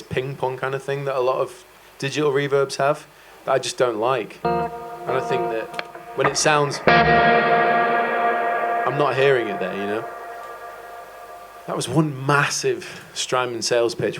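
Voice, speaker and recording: A man's voice: mid-range voice, normal speed, a bit bright. A man giving a guitar masterclass, talking casually and rambling a little, with self-deprecating jokes. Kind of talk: casual explanatory chat.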